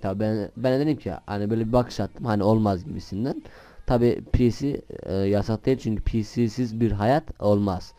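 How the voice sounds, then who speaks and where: A man's voice: fairly low pitch, brisk. A young man hosting a gaming channel, chatting casually and rambling while he plays. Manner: chatty and rambling, bursts into shouted swearing at other players. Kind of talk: casual gameplay commentary.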